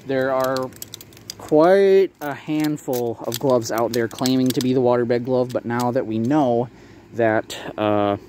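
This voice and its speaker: A man giving a casual, explanatory product showcase for a video, talking in a halting, hedging way. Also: mid-range voice, a little mellow. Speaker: maker showing a handmade prop replica for sale. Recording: clear background ambient noise.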